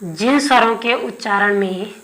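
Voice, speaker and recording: A woman's voice: medium pitch, a little slow, a bit bright. A woman teaching Hindi grammar in an exam-prep lesson, asking her class questions and answering them herself while dictating notes. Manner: repeats key terms with rhetorical questions.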